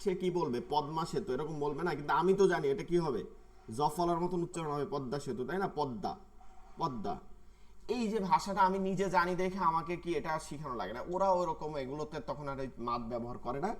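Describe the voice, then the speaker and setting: A man, teaching an online tajweed class and patiently repeating words slowly to show their pronunciation. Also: on the high side. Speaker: Quran recitation teacher.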